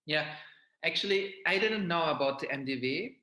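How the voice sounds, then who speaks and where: A young Belgian man talks about his training in a bright, forward voice. He speaks haltingly, restarting his phrases often. The room around him rings with noticeable echo. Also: on the high side, lively intonation. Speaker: violinist guest. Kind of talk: interview conversation. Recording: roomy echo.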